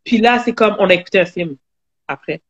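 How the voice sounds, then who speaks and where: A woman with a Quebec French accent, a guest telling her own story in an online live interview, halting with many restarts. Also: mid-range voice, husky.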